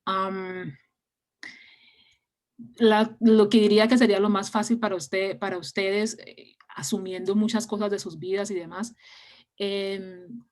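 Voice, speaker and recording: A woman's voice: medium pitch, fairly even intonation, unhurried, a little mellow. A woman teaching English pronunciation online, explaining patiently in Spanish with English words mixed in. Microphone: laptop mic on a video call.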